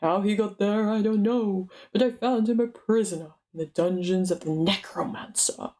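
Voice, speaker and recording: A woman's voice: medium pitch, moderate pace, warm tone, natural voice. A woman voicing a stern, grave old male wizard, emphatic and impatient, in a dramatic book reading.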